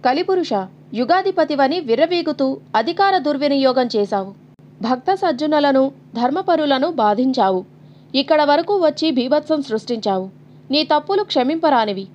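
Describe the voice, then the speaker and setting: A woman's voice: high voice, animated, moderate pace, a little mellow, highs cut off. A woman voicing a stern, wrathful divine maiden. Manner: solemn, pronouncing judgment.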